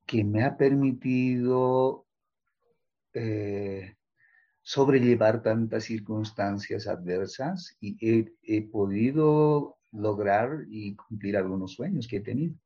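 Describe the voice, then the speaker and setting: Slow, gravelly man on dull audio. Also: lowish voice, mellow. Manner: slow, halting, many fillers. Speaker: interviewee. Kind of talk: reflective interview talk.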